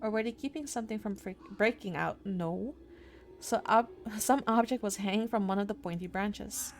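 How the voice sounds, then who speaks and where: A woman with a medium-pitched voice, speaking at a moderate pace, streams a horror visual novel and reads it aloud dramatically, tossing in spontaneous asides. Game music plays behind her voice.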